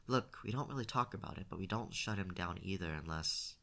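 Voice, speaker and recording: A man doing a quiet young man who talks reluctantly, with halting, hesitant lines. It stays near the reader's own low voice, only slightly lifted, with a bright edge. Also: expressive, exaggerated voice.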